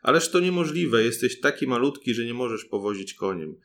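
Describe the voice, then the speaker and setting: A man's voice: mid-range voice, lively intonation, fairly quick, creaky, a bit bright. A poor peasant father, as a man reads him in a fairy-tale audiobook. His speech is plain and homely, close to the reader's own voice. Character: poor, loving peasant father, middle-aged.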